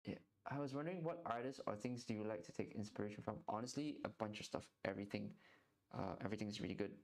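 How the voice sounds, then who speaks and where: Over a low-quality recording, a young man with a fast, low-leaning voice talks while drawing on stream. The chat is casual and rambling, with frequent word repetition as he works through his thoughts.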